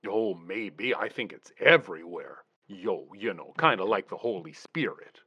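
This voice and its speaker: A man's voice: lowish voice, lively intonation, unhurried, husky, dry recording. A man hosting a comic podcast and talking over the phone, rambling in a folksy way with plenty of "you know" and "uh". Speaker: podcast host. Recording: dull, dry phone line sound.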